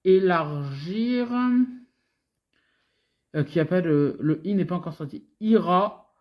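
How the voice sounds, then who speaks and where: This scratch-card host, a woman from France with a French accent, offers casual play-by-play while chatting with her viewers over lottery tickets. The audio is dull, and her fairly low voice comes across animated at a slow pace. She talks directly to the audience and repeats letters in sing-song strings.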